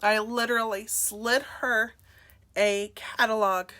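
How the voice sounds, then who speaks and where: Woman, 40s. Candid, self-deprecating storyteller speaking to camera with a bright, clear tone. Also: on the high side, level tone, slow pace. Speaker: nurse and direct seller.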